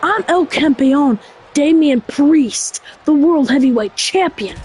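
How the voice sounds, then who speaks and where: A woman's voice: sits high, animated, slow, darkish tone, a little hiss or hum. A woman voicing an arrogant male wrestling champion who taunts his older opponent in a wrestling video game. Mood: taunting. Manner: taunting, boastful.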